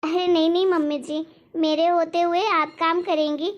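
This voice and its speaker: A woman voicing a dutiful young daughter-in-law who speaks politely and softly, eager to please, in a cartoon story. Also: very high-pitched, little pitch movement, normal speed, muffled recording. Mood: earnest. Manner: polite, soft-spoken, anxious to please.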